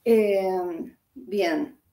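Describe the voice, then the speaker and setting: A woman's voice: mid-range voice, drawn-out words, vocal fry, dark tone, echoey room. A woman from Argentina, an author and historian, speaking with an Argentine accent in a reflective interview, thinking aloud with frequent hesitations. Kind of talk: interview conversation.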